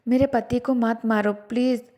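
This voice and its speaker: A frightened young wife voiced by a woman storyteller begs them to stop, her voice high and pleading. The tone stays soft and mellow under the strain of a storybook drama. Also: steady tone, measured pace, close to an everyday voice. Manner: pleading, raised voice.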